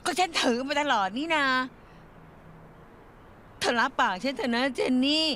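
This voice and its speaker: A woman's voice: high-pitched, unhurried, a bit bright, slight background noise. A woman dubbing a worried, superstitious teenage schoolgirl in a TV drama, anxious and pleading. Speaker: voice actor. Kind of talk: dubbed TV drama.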